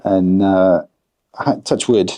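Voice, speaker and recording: A man's voice: deep voice, steady tone, slow, dark tone. A man in his forties hosting a podcast, chatting casually in a jokey, teasing way. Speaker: podcast host. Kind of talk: casual chat.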